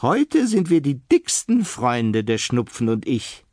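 A man's voice: mid-range voice, huge pitch swings, takes it slowly, darkish tone, no echo, studio quality. A man voicing a jolly, lazy, round little king in a children's storybook. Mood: cheerful musing.

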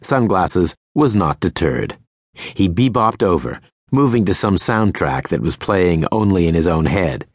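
Male audiobook narrator; unhurried, wry, very animated pitch, dry booth recording. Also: dry recording. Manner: measured, wry storytelling. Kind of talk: scripted narration. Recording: dry close studio audiobook.

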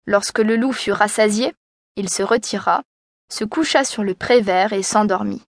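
A woman narrating a children's storybook in a clear, expressive way. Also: mid-range voice, moderate pace, no echo, clean studio sound. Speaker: audiobook narrator.

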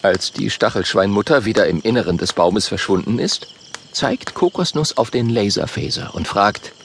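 A man narrating a children's audiobook in an expressive, animated way. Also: lowish voice, moderate pace, gravelly, a little hiss or hum. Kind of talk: scripted storybook narration.

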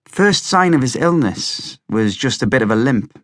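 A man narrating an audiobook in a plain, steady storytelling way. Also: medium pitch, moderate pace, no echo, clean studio sound.

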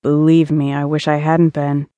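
Woman doing a monotone, sardonic roommate. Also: deep voice, moderate pace, no echo, lo-fi sound, lightly acted. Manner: monotone, dry. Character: blunt, sardonic young female roommate.

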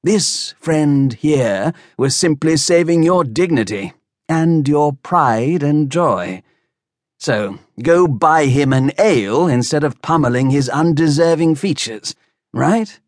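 A man voicing a calm, lightly teasing young man who talks a drunken friend down. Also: on the high side, slow, no room sound, clean studio sound, voice pushed up. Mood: wry calming. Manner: smooth, reasoning, lightly teasing. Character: calm, wry young man soothing a brawler.

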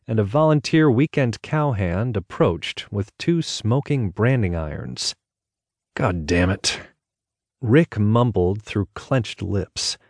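A man narrating an audiobook in a measured, even storytelling delivery on a close microphone. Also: mid-range voice, dry recording.

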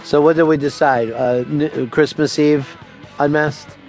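A man's voice: on the high side, fairly even intonation, measured pace, faint music behind. A man hosting a talk radio show, trading sarcastic, profane jabs with his co-hosts in the studio. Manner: teasing, sarcastic, swears freely.

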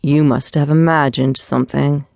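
A woman voicing a brooding male vampire billionaire who talks slowly, low and commanding. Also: steady tone, gravelly, a little mellow, no echo, clean studio sound. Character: brooding vampire billionaire boss, man, deep and somber.

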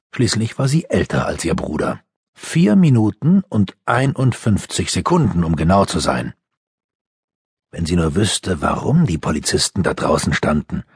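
Husky male audiobook narrator. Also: low-pitched, no echo, studio quality. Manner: lively storytelling. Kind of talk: scripted narration.

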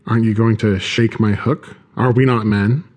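A man voicing a menacing, hulking Russian villain in an audiobook, speaking with a gravelly Russian accent, cold and mockingly polite. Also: lowish voice, steady tone, normal speed, darkish tone, lightly acted. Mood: pleased. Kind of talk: audiobook character voice.

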